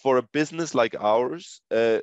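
A man's voice: mid-range voice, moderate pace, clean tone. A man, a startup co-founder, answering interview questions conversationally in an explanatory way, often checking in with "right?". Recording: muffled lo-fi audio, echoey room.

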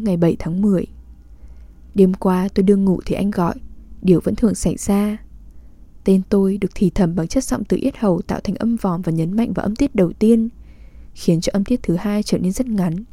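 Woman reading a diary out loud, calm and measured, super warm dark voice, dry close sound. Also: medium pitch, no room sound. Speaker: reader.

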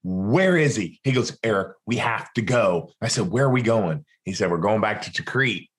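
A man's voice: fairly low pitch, normal speed, a bit bright. A man, a podcast guest, telling a story in conversation and acting out the dialogue of the people in it.

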